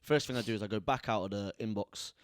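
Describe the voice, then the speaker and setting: A man's voice: lowish voice, quick pace, dry recording, clean studio sound. A young man, co-hosting a casual podcast and rambling with lots of restarts and easy laughter. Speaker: podcast co-host. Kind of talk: casual chat.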